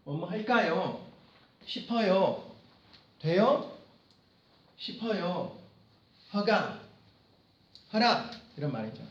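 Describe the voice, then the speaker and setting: A man, a professor, teaching business Korean in a lecture, slowly repeating phrases and drilling short dialogues for his students. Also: high voice, lively intonation, echoey room, muffled recording.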